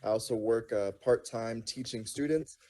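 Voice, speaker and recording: A man's voice: mid-range voice, moderate pace, darkish tone. A man in his twenties, a music student, introducing himself in a friendly, plain way. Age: 20s.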